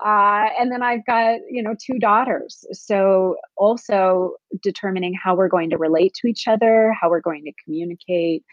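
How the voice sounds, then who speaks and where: A woman's voice: medium pitch, normal speed, few pauses, dry recording, dull audio. A woman coach talking conversationally as a podcast guest from her home office. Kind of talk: conversational interview.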